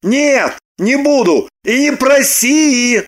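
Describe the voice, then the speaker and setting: A woman voicing a grumpy, blunt adult brother with a gruff, scolding way of talking. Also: high-pitched, expressive, takes it slowly, pitched above the performer's own voice, heavily acted. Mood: irritated.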